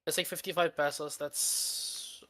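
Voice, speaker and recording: A man's voice: on the high side, steady tone, a little slow, crowd noise. A man from the Philippines on a stream voice chat, speaking in a laid-back way with dry humor. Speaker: voice chat guest. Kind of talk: casual chat.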